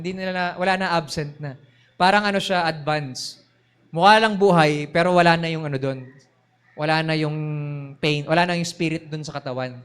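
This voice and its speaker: A middle-aged man preaching a sermon, animated, swinging between loud and soft, laughing now and then. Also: fairly high pitch. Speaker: pastor.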